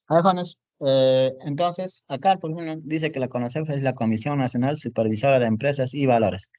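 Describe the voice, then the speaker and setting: A man's voice: mid-range voice, a little fast, a little mellow, dry recording. A man teaching a class, typing on screen as he explains and often asking the students if they follow. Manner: repeats "jóvenes" and "¿no es cierto?" often; talks while typing on screen. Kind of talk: online class lecture. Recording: dull dry recording.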